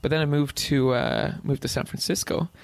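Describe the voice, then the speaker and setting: Gravelly Irish man, chatty guest. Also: mid-range voice, wildly swooping pitch, moderate pace, no room sound. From Ireland. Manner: chatty, swears casually, rambling restarts. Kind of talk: casual interview chat.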